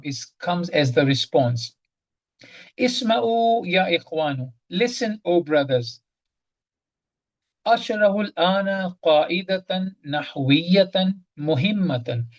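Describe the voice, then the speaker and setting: In a rough recording, a woman with a fairly low voice teaches Arabic grammar online. She works through each point step by step, repeats key terms, and quizzes her students directly.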